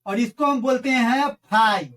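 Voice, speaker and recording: In an online math class, a woman teacher speaks unhurriedly with a fairly high pitch, recorded from a distance. She quizzes her students through call-and-response and refers to the viewers as her friends.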